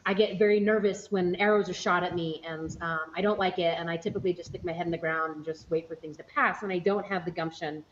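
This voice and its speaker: A woman's voice: lowish voice, fairly even intonation, fast talker, hardly any pauses. A woman co-hosting a casual faith-based talk show, chatty and a little hesitant, with many fillers. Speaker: podcast co-host. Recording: slightly muffled audio with faint noise.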